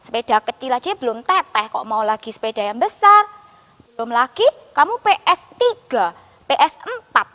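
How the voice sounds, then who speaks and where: A woman Sunday school teacher, gently coaxing and explaining to a child puppet. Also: on the high side, big pitch swings, moderate pace, in a large hall.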